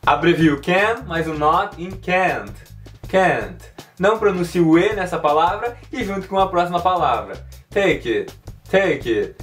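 Male English teacher, clear and didactic; slightly high voice, a little off-mic over faint guitar. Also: distant mic. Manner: clear and didactic, repeats words slowly. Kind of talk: language lesson.

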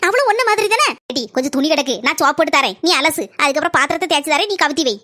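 A woman's voice: high-pitched, animated, racing, sharp tone, slight background noise. A woman with a Kanyakumari Tamil accent voicing a scolding, doting old village mother-in-law in a cartoon. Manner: scolding, gossipy, melodramatic. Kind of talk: cartoon voice acting.

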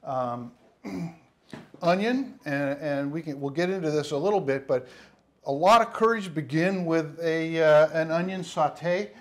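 Speaking at a measured pace in a rather high voice, with a little hiss or hum in the audio, a spice seller in his fifties casually demonstrates cooking. He wears a lapel mic on an indoor studio kitchen set and rambles, often using fillers and restarting.

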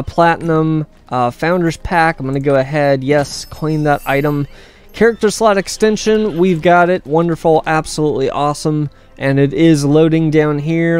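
A man's voice: on the high side, darkish tone, clean tone. A man giving casual, rambling gameplay commentary, amazed and full of fillers. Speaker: game streamer.

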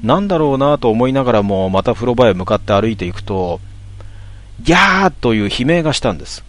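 A man reading a ghost story aloud in a calm, measured storytelling manner. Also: fairly low pitch, no echo.

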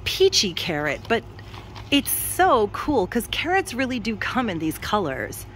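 Her voice is on the high side and fairly bright, with pitch that swoops wildly, though her pace stays measured. This shopping vlogger walks through a big discount store filming on a handheld phone, gushing to "you guys" in a casual shop-with-me chat. There's a little hiss or hum.

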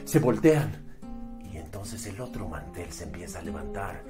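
A film critic with a Mexican Spanish accent delivers a sarcastic movie review rant, mocking and exasperated, swearing freely. His voice is deep and animated at a normal speed, with music in the background.

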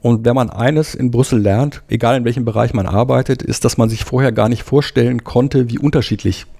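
A middle-aged German man, a lawyer at the EU Commission, explaining his work in a measured way with frequent hesitation fillers. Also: mid-range voice, fairly even intonation, gravelly, dark tone. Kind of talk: explanatory interview talk.

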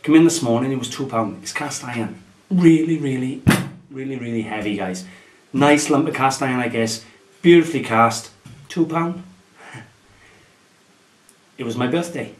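A man's voice: medium pitch, normal speed, long pauses, a little hiss or hum. Welsh guy in his 30s doing a casual haul vlog at home, chatty, lots of ums. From Wales. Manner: chatty, full of "um" and "guys", gives tips. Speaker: antiques dealer and channel host. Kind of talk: casual show-and-tell vlog. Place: dining room at home, indoors.

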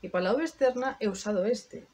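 Here a female beauty vlogger talks viewers through her makeup in a chatty, think-aloud style. She speaks fast in a fairly high pitch, and her voice is a bit mellow and slightly rough.

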